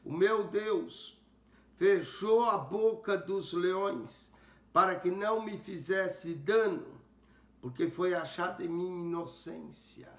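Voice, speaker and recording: A pastor voicing a solemn faithful prophet. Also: male voice, high voice, fairly bright tone, voice pushed up, full character voice. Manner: slow, solemn, reverent. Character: faithful ancient prophet answering a king. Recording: roomy echo.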